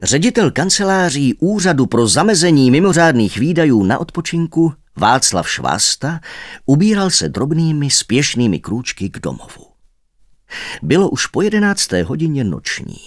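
Animated man reading an indignant monologue. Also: on the high side, no echo, studio quality. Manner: indignant, fussy grumbling monologue. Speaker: audiobook reader. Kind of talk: expressive first-person story reading.

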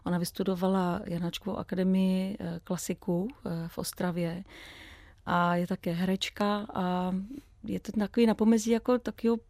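Low, flat-voiced woman jazz singer. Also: dry recording, studio quality. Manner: hesitant, many fillers and restarts. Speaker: radio guest, jazz singer. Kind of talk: casual radio interview.

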